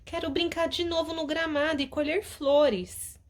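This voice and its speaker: A woman's voice: extremely high pitch, fairly even intonation, a little slow, pitched above the performer's own voice. A woman reading a story aloud and voicing an impatient little girl who longs for spring. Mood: wishful. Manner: impatient, wishful.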